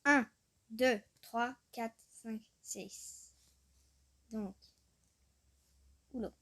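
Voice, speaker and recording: Chatty young woman, slow and giggly. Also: on the high side, steady tone, sharp tone. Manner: chatty, trailing off, with frequent giggles; sounds out foreign words haltingly. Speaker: vlogger. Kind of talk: casual screen-recorded chat.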